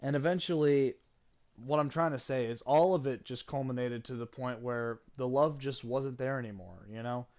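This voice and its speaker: A man's voice: mid-range voice, normal speed, darkish tone. A young man candidly telling a personal story, swearing freely and sounding regretful. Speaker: gaming channel host.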